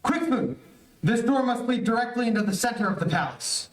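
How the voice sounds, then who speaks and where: An earnest, brave young Earthman hero acted by a man in a radio space serial. The voice is high for a man and declarative, set back in an echoey space. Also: expressive, fairly quick. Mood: urgent, daring. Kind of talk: old-time radio adventure acting. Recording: echoey, distant streamed stage audio.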